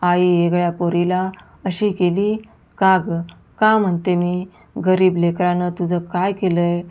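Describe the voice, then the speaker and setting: A woman's voice: fairly low pitch, level tone, slow, a little mellow. A woman voicing a stooped old village grandmother who scolds shrilly and makes demands. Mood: furious.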